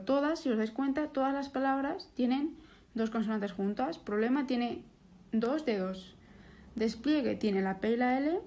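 A woman's voice: on the high side, a little mellow. A young woman teaching a recorded online lesson, explaining step by step with restarts and fillers.

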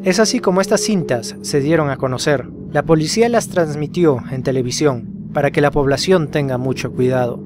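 A fairly high-pitched male narrator moves quickly through a scripted horror case with hardly a pause, music running in the background. He's the voice of a horror explainer video, telling the story and directing rhetorical questions at viewers.

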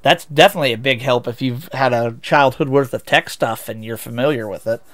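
A young American man from the Midwest chats with viewers while streaming a racing game, rambling and correcting himself. He's a VTuber streamer with a mid-range, fairly bright voice and a brisk delivery.

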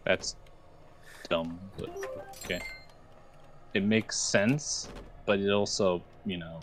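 A man's voice: deep voice, fairly even intonation, slow, slight background noise. A man chatting with friends in voice chat during a game, with dry, sarcastic remarks. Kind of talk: casual gaming chat.

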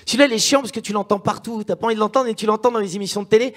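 A high-voiced man from France performs a stand-up comedy set. He talks in a quick, chatty way and keeps tagging his lines with "hein". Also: steady tone, a bit bright.

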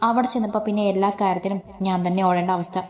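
A woman's voice: mid-range voice, steady tone, racing, darkish tone, echoey room, close to an everyday voice. A woman voicing a talkative middle-aged man who over-explains himself in a storybook reading. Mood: chatty. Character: chatty middle-aged man, neighbour and father.

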